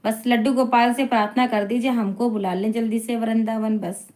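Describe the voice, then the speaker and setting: High-voiced chatty woman live streamer. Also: fairly even intonation, normal speed, a little mellow. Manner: chatty, teasing, laughs often. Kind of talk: live-stream chat, reading viewer comments aloud.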